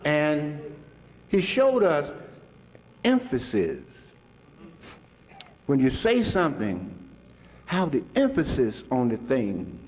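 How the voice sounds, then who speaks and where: Older man, slow lively storyteller. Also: fairly high pitch. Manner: colloquial, chuckles often. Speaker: speaker recalling a mentor. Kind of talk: storytelling talk to an audience.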